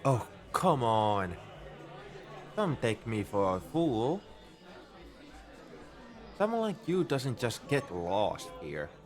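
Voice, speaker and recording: Speaking slowly with long pauses, this man's mid-range, sing-song voice brings a shrewd, easygoing space-outpost bartender to life in a knowing, conversational ASMR roleplay monologue. He sounds knowing and in a bargaining mood. Bar crowd chatter murmurs in the background.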